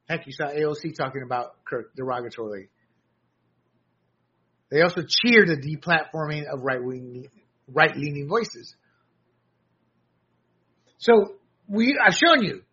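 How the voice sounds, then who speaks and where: Male political commentary host, combative and sarcastic, husky and bright, on dull audio. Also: a little high. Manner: combative, sarcastic, rising to shouts.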